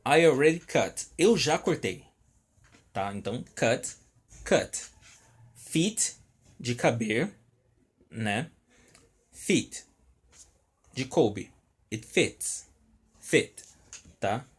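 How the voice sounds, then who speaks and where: A man's voice: medium pitch, lively intonation, slightly rough. A Brazilian man teaching an online English lesson, repeating each word and checking in often with his students. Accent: Brazilian Portuguese. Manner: explains slowly, repeats words, checks in with "tá?" constantly. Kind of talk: recorded online language lesson.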